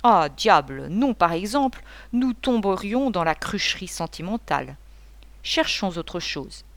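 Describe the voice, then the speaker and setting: A woman's voice: mid-range voice, sing-song, unhurried, no echo. A woman voicing a boisterous, talkative male painter who rambles and gives orders in a mocking tone. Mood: chattering, bossy.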